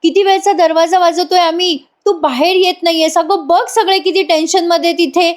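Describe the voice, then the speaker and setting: A woman's voice: extremely high pitch, steady tone, moderate pace, voice pushed up. A woman voicing a worried young woman who pleads insistently.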